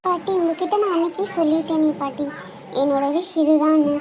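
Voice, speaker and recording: A woman's voice: high voice, fairly even intonation, a little fast, background noise, close to an everyday voice. A young woman playing a torn, pleading bride-to-be. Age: young adult. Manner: pleading, defensive. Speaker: daughter.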